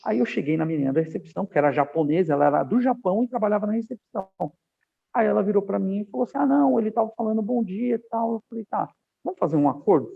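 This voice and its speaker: Male guest from Brazil, gravelly and husky, high-ish voice, animated storyteller, tinny phone-like line. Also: racing. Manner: animated storyteller, acts out quoted dialogue. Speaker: podcast guest, aviation professional. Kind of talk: casual interview storytelling.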